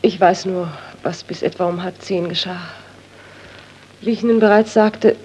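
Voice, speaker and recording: An actress playing a grieving widow tormented by guilt, earnest and sorrowful, in 1930s radio-drama acting. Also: female voice, fairly low pitch, steady tone, moderate pace, darkish tone, husky, dull audio. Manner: earnest, sorrowful, turns to anguished pleading. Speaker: doctor's friend's widow.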